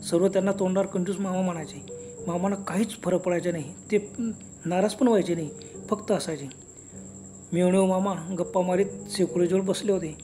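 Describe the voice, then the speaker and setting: A man narrating a first-person horror story in a conversational, unhurried way. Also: sits high, steady tone. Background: background music and crickets.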